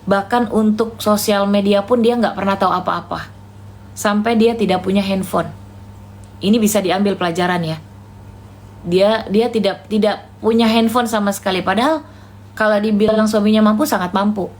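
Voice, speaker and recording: A woman's voice: medium pitch, steady tone, moderate pace, a little mellow, a little hiss or hum. Chatty woman preacher telling a story. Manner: calls the listener "Kak", retells conversations with "gitu". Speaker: Islamic preacher answering questions. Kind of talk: casual religious advice and storytelling. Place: live online room.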